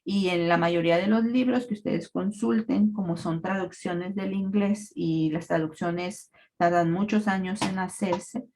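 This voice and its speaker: A woman giving a recorded parasitology lecture, explaining terms in a measured way with frequent fillers. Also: lowish voice, fairly even intonation, darkish tone, slight background noise.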